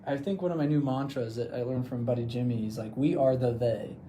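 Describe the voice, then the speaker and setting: A man's voice: medium pitch, brisk, warm tone, slight background noise. A man hosting a podcast, talking in a casual, encouraging way. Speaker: podcast host. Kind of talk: casual conversation.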